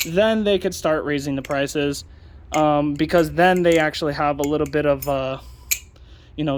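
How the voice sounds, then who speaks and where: A man's voice: sits high, a little hiss or hum. A young man hosting his own channel, ranting casually with sarcasm and lots of ums and uhs. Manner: ranting, sarcastic, many fillers. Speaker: channel host. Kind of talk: casual commentary vlog.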